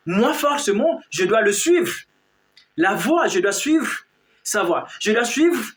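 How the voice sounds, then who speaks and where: A man's voice: high voice, fairly bright tone, reverberant. A man teaching a language lesson, explaining points with emphatic repetition.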